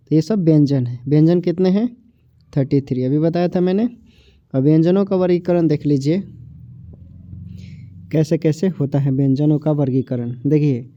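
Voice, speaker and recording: A man with a Bihari Hindi accent teaches a grammar lesson. His voice sits fairly high but sounds very dark and mellow, and it is recorded dry and a little dull, like a lo-fi mic. He repeats his points and stretches out each sound as he says it. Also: no room sound. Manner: repetitive, asks and answers his own questions; drags out sounds when saying them. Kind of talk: exam-prep grammar lesson.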